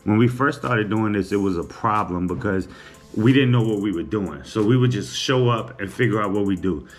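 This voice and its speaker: A man vlogger chats casually to a camera sitting on a table in a small room, talking about his day in a lowish voice at a moderate pace. He's chatty, laid-back and teasing, with faint music playing behind him.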